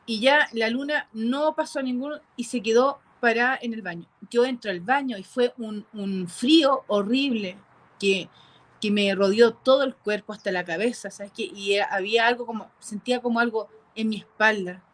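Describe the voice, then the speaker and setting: A woman telling a frightening personal experience, halting and repeating herself with nervous laughs. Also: on the high side. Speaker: caller telling a paranormal experience. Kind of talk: emotional first-person storytelling.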